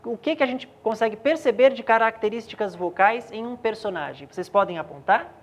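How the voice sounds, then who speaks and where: A woman teacher leading a remote class at a steady pace, guiding students and asking them questions. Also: a little high, brisk.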